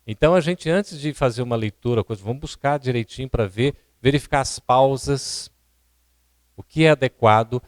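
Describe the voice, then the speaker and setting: A man's voice: medium pitch, normal speed, no echo. A Brazilian man teaching a seminar on public speaking, explaining points and asking the audience questions. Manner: didactic, asks the audience questions. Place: seminar hall at a spiritist centre.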